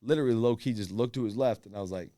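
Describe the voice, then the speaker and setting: A man in his thirties telling rambling stories fast in casual chat, swearing and jumping into quick voices. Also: medium pitch, noisy background. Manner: fast rambling anecdotes with profanity and quick voice swings. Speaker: podcast guest telling stories.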